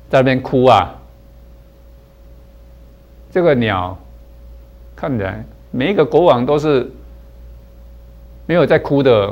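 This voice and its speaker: A man giving a Buddhist dharma lecture, soft-spoken and dotted with drawn-out filler particles as he tells a parable. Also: medium pitch. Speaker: Buddhist teacher.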